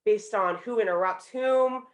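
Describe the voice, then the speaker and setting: A woman's voice: medium pitch, unhurried. A woman in her thirties, a professor and author appearing as a guest, explaining her points fluently and confidently. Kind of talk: interview answers.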